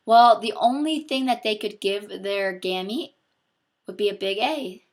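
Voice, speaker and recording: A woman's voice: mid-range voice, measured pace. Young woman teaching with a sore throat. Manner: patient, step-by-step explaining. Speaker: biology teacher. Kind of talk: explanatory video lesson. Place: small home room with a window, indoors.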